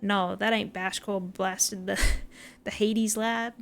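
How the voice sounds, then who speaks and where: A woman's voice: medium pitch, level tone, slow pace, vocal fry, clear, resonant tone. A woman reading out a rowdy, folksy man who loves death metal, in a put-on American drawl.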